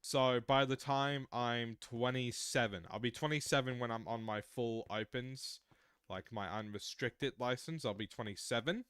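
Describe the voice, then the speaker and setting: Streaming a game, a mid-twenties Australian man chats loosely and rambles, restarting as he explains things at length. The voice is medium-pitched, a bit bright, and smooth, recorded at studio quality without room sound.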